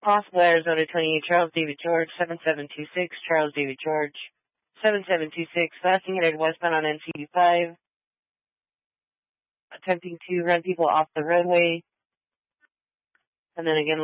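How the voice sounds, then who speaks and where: A man's voice: on the high side, no room sound. A man working as a police dispatcher, reading out calls and plate codes in a clipped, formal way over police radio. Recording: muffled dry radio audio.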